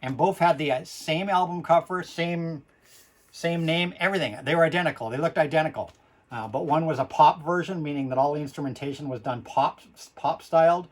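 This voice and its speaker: A man's voice: fairly high pitch, a little fast. A Canadian man speaking with a missing front tooth, hosting a vlog in a casual, rambling, repetitive way. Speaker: host of a record collecting vlog. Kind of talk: casual chat to viewers.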